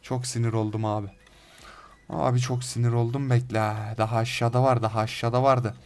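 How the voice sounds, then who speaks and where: A young man commentates his survival game in an excitable, shouting style. He repeats his threats at the monsters again and again. His voice sits at an ordinary middle pitch. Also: a little fast, clean tone. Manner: repeats phrases over and over while playing. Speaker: gaming YouTuber. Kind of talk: Minecraft let's play commentary.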